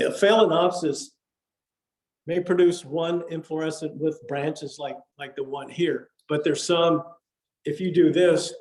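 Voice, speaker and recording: An older man gives an easygoing talk at a garden club meeting. His voice sits a little high, and his delivery is chatty, with repeated words and frequent "okay"s. The recording carries the echo of a meeting room. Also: a little mellow. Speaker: orchid society speaker. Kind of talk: casual slide lecture. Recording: echoey room.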